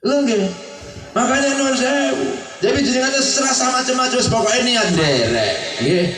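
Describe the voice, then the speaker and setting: A man's voice: very high voice, lively intonation, moderate pace. A man with a Javanese accent preaching a humorous sermon, telling stories and acting out the voices of the people in them. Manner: joking storytelling, acting out voices. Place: hall at a religious gathering. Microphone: microphone. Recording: roomy, distant mic, music behind.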